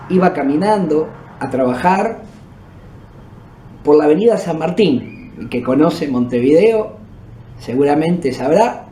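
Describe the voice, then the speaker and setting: A man's voice: high-pitched, mellow. A man with a Uruguayan accent, the host of a podcast, telling his own paranormal experiences in a conversational way. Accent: Uruguayan Spanish. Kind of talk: first-person storytelling of paranormal experiences. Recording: echoey room with background noise.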